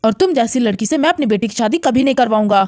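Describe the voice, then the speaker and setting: A woman voicing an angry father who shouts at his son and the son's girlfriend, in a fan drama. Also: fairly high pitch, animated, quick pace, faint music behind, close to an everyday voice. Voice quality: shouting, scolding.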